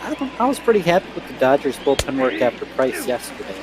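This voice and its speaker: A man giving relaxed, chatty play-by-play of a baseball game, in a casual and self-deprecating way. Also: mid-range voice, fast, a crowd in the background, low-quality recording. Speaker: play-by-play commentator.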